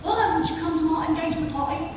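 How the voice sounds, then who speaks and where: Woman as cocky menacing gangster bloke in stage farce, high voice, echoey hall. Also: quick pace. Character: cocky, menacing male gangster, played in disguise. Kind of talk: farcical stage comedy acting. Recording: echoey hall, distant mic, faint noise.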